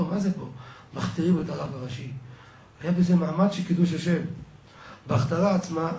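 A man in his sixties giving a sermon, telling emotional personal stories and addressing his audience directly as gentlemen. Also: a little high, recorded from a distance, slight background noise. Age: 60s. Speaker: rabbi giving a lecture. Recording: echoey room, speaker away from mic.

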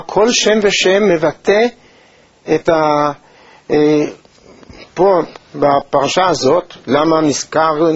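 A man teaching a Torah lesson in a measured, thoughtful way, with pauses and hesitations. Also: on the high side, husky, no echo. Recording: dull, lo-fi recording.

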